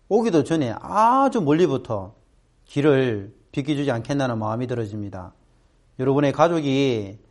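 A middle-aged man speaking to students, telling a personal story and acting out the voices of people in it. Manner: animated, acts out quoted voices with big pitch jumps. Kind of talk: storytelling talk.

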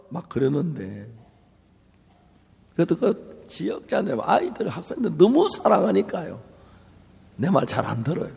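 A male preacher telling a story in a sermon, acting out the people in it and moving between hushed and raised voice. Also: fairly high pitch, creaky, husky. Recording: long hall reverb.

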